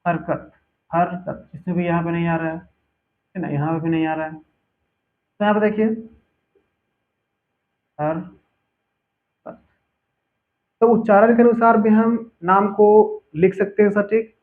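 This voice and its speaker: A man teaching a spelling lesson, patiently repeating each word slowly for his students. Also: sits high, steady tone. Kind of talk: spelling lesson over a board. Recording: tinny phone-like audio.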